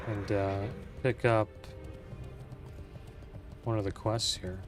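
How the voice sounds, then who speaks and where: A man's voice: fairly low pitch, level tone, slow pace. A man giving casual, informal let's play commentary as a gaming video host. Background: faint game music and sounds.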